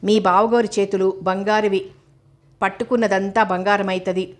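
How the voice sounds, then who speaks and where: Village servant man, rambling, chatty, even tone, read by a woman. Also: medium pitch, normal speed, close to an everyday voice. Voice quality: plain dialect, rambling.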